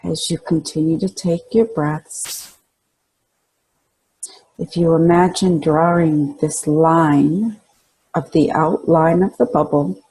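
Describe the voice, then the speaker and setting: Speaking very unhurriedly, a woman narrates a guided relaxation meditation, giving calm, soothing instructions with space between phrases. Her low voice is soft and mellow with a husky, breathy texture, and the audio quality is poor.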